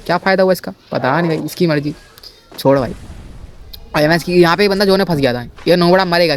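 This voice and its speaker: Quick, chatty young-sounding male gamer. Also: on the high side, a little hiss or hum. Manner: chatty, keeps addressing viewers as brother; playful, self-mocking. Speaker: gameplay commentator. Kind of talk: casual voice-over commentary on a shooter match.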